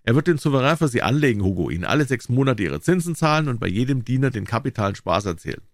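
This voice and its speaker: A man's voice: medium pitch, very animated, quick pace, no room sound, clean studio sound. A man voicing a worldly male painter who teases his friend, in a droll, lightly mocking way, in a storybook reading. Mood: amused.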